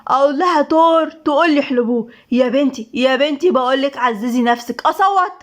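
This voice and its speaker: A woman's voice: a little high, fairly even intonation, quick pace, natural voice. A woman voicing a caring older sister who lectures her sibling reproachfully, with an Egyptian accent. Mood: exasperated. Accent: Egyptian Arabic.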